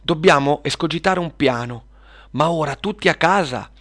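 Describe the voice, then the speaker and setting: A man's voice: fairly high pitch, moderate pace, a bit bright, voice pushed up. Man voicing an anxious young heroine. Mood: urgent. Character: anxious superhero girl, practical and watchful.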